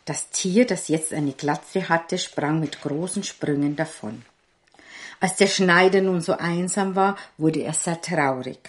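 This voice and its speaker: A woman narrating a fairy tale in a slow, measured storytelling manner. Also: low-pitched.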